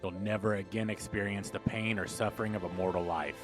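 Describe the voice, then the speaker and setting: A game master voicing a booming otherworldly entity that speaks inside a character's mind, in slow, commanding pronouncements. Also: male voice, steady tone, music in the background, natural voice. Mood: ominous. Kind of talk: tabletop game narration.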